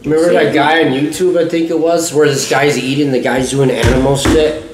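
A man's voice: on the high side, fairly even intonation, brisk, background noise. A man bantering casually with a group. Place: wood-paneled room indoors, around a table. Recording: echoey room with group chatter behind.

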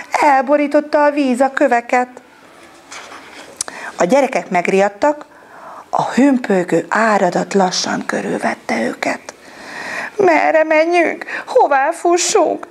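Woman reading a children's story aloud. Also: sits high. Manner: animated, switching voices for the characters. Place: kindergarten room.

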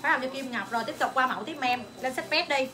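A young woman, hawking clothes on a livestream with rapid, excited calls to viewers and her staff. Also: high-pitched, crowd noise. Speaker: online clothing seller. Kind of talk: livestream sales pitch.

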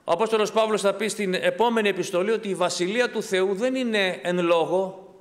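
A male pastor delivering an impassioned sermon, asking rhetorical questions and answering them himself. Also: high-pitched. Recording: long hall reverb.

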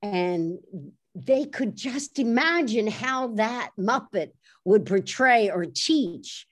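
A woman author being interviewed, telling behind-the-scenes stories in a lively, animated way and laughing easily. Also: a little high, takes it slowly. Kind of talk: anecdotal storytelling in conversation.

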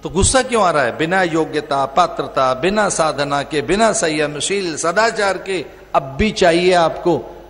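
A man with a north Indian Hindi accent preaching a religious discourse in a fairly high voice. He drives home each point with repeated lists, his delivery swelling and falling. The sound carries a long hall reverb, with faint music behind him. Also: unhurried, fairly bright tone. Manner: emphatic, repetitive lists, rising and falling delivery. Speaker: spiritual teacher giving a discourse. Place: large venue.

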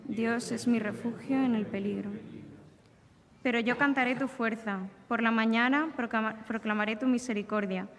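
A woman with a fairly high voice reads scripture at Mass in a slow, solemn cadence. Her words ring out through the long echo of a large shrine chapel, each phrase trailing off into the vaulted space. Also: fairly even intonation. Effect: long cathedral-like reverb. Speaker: lector reading at Mass. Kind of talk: liturgical reading of scripture and psalm. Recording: echoey shrine chapel reverb.

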